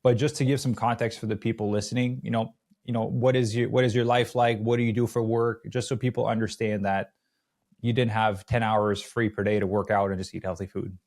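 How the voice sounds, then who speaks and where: This is a male podcast host who works as a fitness coach. His voice sits slightly low. He speaks in an upbeat, affirming way, keeping the conversation casual. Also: level tone, a little fast, darkish tone. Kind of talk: casual interview hosting.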